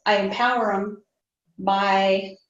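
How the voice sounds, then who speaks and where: A native Spanish-speaking woman with a Spanish accent practices her self-introduction as a workshop participant, sounding hesitant and apologetic. Her mid-range voice moves slowly with fairly even intonation. The recording comes from an echoey indoor room through a distant, dull microphone, giving it a roomy sound.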